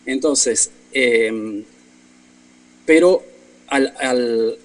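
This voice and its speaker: A middle-aged man, a sociology researcher giving an academic panel talk. He talks haltingly, thinks aloud with many fillers and repeated words, and tags his points with a questioning "no?". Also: medium pitch, poor audio.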